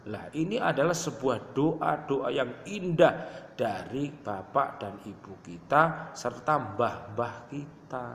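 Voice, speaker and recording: A man's voice: medium pitch, expressive, slow pace, slight background noise. A man in his fifties with a Javanese accent, preaching a sermon and telling stories in which he acts out his parents' prayers. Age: 50s. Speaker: Islamic preacher. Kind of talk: sermon mixing Indonesian and Javascript dialect. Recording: echoey hall with long reverb.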